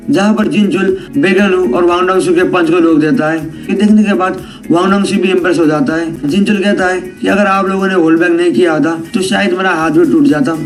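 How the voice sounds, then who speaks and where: Male narrator for scripted anime episode recaps, high-pitched voice, storytelling delivery over a music bed. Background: background music.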